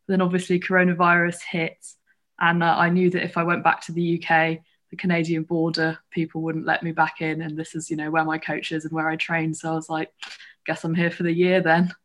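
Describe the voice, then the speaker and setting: Low-voiced young southern English woman, chatting casually. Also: completely flat delivery, brisk, a bit bright. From England, grew up in London and Bath. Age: 20s. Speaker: podcast guest, athlete. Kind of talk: casual chat.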